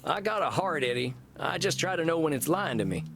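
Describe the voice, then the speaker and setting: An actor playing a steady, frank cowboy vampire therapist in a video game. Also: male voice, fairly high pitch, a little fast, a little hiss or hum. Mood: earnest, frank. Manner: folksy, frank, gently challenging.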